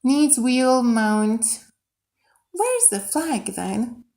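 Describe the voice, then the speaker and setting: Speaking extremely slowly, this woman has a fairly high yet darkish voice and very animated delivery. She's an Iranian livestreamer and game modder whose native language is Persian, and with a Persian accent she chats casually to viewers, thinking aloud as she codes.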